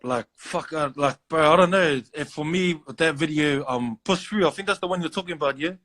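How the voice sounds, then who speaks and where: A man's voice: a little high, brisk, a bit bright. A man with a New Zealand accent chatting casually as an interview guest, in loose slang peppered with like and bro. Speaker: drill rapper being interviewed. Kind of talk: casual chat.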